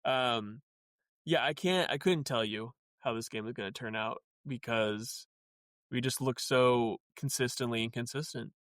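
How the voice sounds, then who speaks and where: A man's voice: medium pitch, unhurried, fairly bright tone, dry recording, studio quality. A man co-hosting a casual podcast, chatty and wry with a glum edge, often trailing off into fillers. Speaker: podcast co-host.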